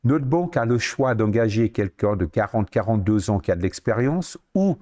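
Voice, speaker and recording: A man in his sixties with a Swiss French accent, a podcast guest telling lively anecdotes and acting out the dialogue he quotes. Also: fairly low pitch, normal speed. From Switzerland. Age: 60s. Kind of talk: storytelling interview.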